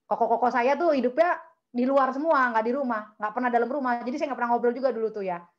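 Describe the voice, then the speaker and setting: A woman's voice: on the high side, lo-fi sound. A woman giving a personal testimony at a prayer meeting, chatty and emphatic, often turning to address her listeners.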